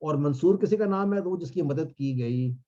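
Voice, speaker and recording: A man teaching a class, drilling phrases slowly and quizzing his students. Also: on the high side, lively intonation, warm tone, highs cut off. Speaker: Arabic teacher.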